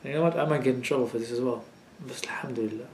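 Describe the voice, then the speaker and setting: A young Palestinian man answers interview questions in frank, casual talk, his mid-range, darkish voice moving very fast. He uses many fillers and swears now and then when riled. The room is echoey, with faint ambient noise.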